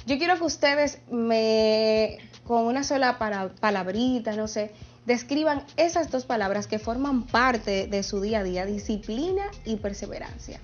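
A woman hosting a broadcast interview, upbeat and quick to laugh. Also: on the high side, muffled recording. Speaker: host.

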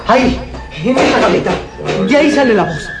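A little boy sidekick for a radio drama, high voice, earnest, anxious, music under it. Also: expressive, a little fast, poor audio. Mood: anxious, searching. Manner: earnest, theatrical, deferential. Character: small boy, loyal obedient sidekick, anxious. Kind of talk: melodramatic radio drama acting.

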